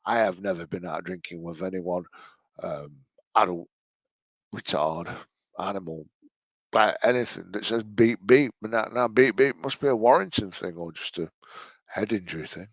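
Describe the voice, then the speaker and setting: English man, late 40s, low dry-sounding voice, sarcastic sweary commentator mocking a video. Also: normal speed, dry recording. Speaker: commentator reacting to a vlog.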